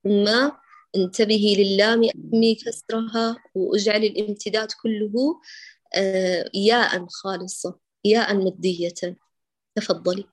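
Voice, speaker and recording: A woman teaching Quran recitation, patiently correcting a student, with affectionate words and sounds demonstrated slowly. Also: mid-range voice, fairly even intonation. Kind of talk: correcting recitation in an online lesson.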